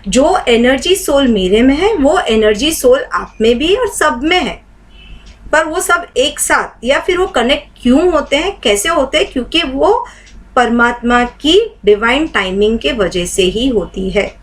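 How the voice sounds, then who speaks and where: A woman leads a live online meditation class in a fairly high voice. She talks warmly and keeps putting questions to her students. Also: animated, measured pace, poor audio. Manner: asks the class many rhetorical questions. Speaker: meditation teacher.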